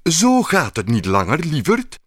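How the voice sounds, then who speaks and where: A man voicing a stern, bossy queen in a children's story, his voice pitched high and pushing hard. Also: huge pitch swings, slow, no echo, clean studio sound, heavily acted. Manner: strict and exasperated, rising high.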